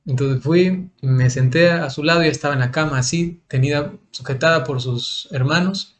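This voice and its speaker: A man's voice: a little high, moderate pace. A young adult man, a priest, telling a personal story in a conversational way, often ending phrases with a questioning tag.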